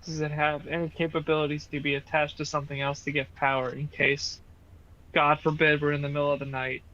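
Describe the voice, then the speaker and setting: Bright, higher-voiced male player. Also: level tone, fairly quick. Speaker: tabletop game player. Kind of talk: casual banter. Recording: dull lo-fi sound.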